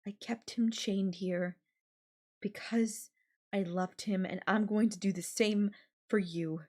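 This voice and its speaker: Playing a possessive, obsessive girlfriend in an intimate audio roleplay, a woman coaxes sweetly with a menacing undertone and drawn-out pauses. Her medium-pitched, darkish voice is steady and lightly acted, with a wistful, bitter mood.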